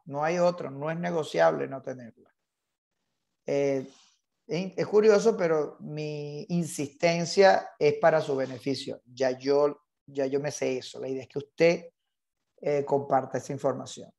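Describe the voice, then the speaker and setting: A man's voice: fairly high pitch, fairly even intonation, a little slow, gravelly, darkish tone. A man leading an online real estate training class, insistent and repetitive, mixing English terms into his Spanish.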